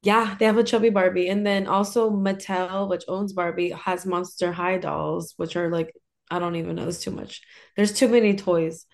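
A woman's voice: lowish voice, steady tone, moderate pace, gravelly. A young woman guesting on a podcast, talking casually and rambling, with many filler words. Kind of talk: casual interview chat.

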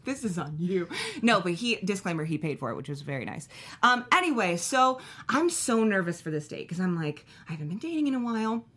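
A woman's voice: lowish voice, big pitch swings, brisk, fairly bright tone. A young woman telling a comic dating story in casual chat, laughing and acting out her own lines. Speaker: storyteller on a comedy podcast.

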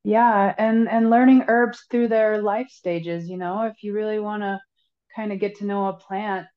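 A woman's voice: medium pitch, steady tone, normal speed. Earnest woman herbalist on dull lo-fi audio. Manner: earnest, advisory, repeats words. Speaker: herbalist guest. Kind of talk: casual podcast interview.

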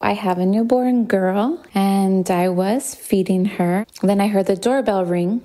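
A woman's voice: medium pitch, a little slow, dark tone. A mother telling an amused story about answering the door. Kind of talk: recorded anecdote.

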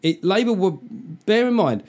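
A man's voice: high voice, very animated, moderate pace, darkish tone. A British man in casual political chat, rephrasing as he goes and probing with questions.

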